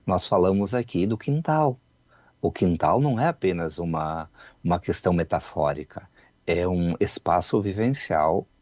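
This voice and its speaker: A man's voice: deep voice, vocal fry, darkish tone, breathy edge, dry recording, highs cut off. A man, a childhood researcher, explaining his views on a radio show, reflective and full of "né?" tags. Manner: reflective, repeats words, many "né?" tags.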